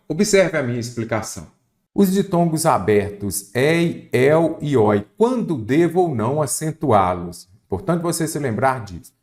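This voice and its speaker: A man's voice: lowish voice, a little mellow. Man teaching grammar, roomy echo. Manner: explanatory, addresses student directly, repeats rules. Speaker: Portuguese teacher. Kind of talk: exam prep lesson.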